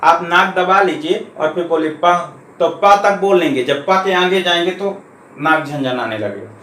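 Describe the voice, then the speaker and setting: A man teaching a grammar lesson, explaining patiently step by step and slowly repeating each term. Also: sits high, a bit bright. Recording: echoey room, faint ambient noise.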